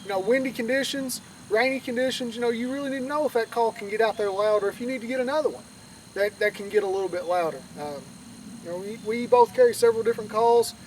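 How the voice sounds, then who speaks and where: A man's voice: very high-pitched, fast talker, darkish tone. A man giving an informal, conversational outdoor tutorial as an instructor, with a folksy manner, repeating points for emphasis. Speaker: duck calling instructor. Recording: distant mic outdoors, faint background noise.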